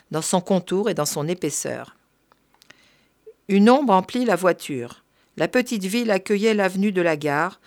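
A woman narrating a story in a measured, even reading voice. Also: on the low side, dry recording, studio quality. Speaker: reader.

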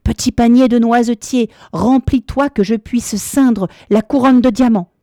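A woman's voice: on the high side, measured pace, warm tone, no room sound, studio quality, voice pushed up. A woman voicing a greedy eldest princess in a fairy tale, crying out eagerly.

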